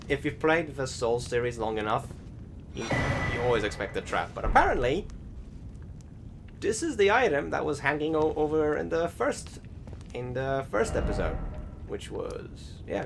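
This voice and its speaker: Casual, rambling commentary on a video game comes from a gaming channel host with a medium-pitched voice, often hesitating and reaching for words. Music plays behind him, and the recording carries a little hiss or hum.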